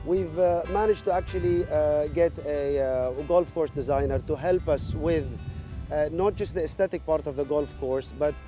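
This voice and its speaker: Very dark-voiced hesitant club official. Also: male voice, on the high side, moderate pace, soft background music. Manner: hesitant, many fillers and restarts. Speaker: golf club representative. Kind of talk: interview answers.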